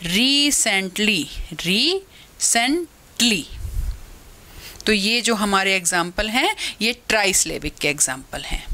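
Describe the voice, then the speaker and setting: A woman teacher giving a lecture, slowly explaining step by step and repeating example words. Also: on the high side, fairly bright tone.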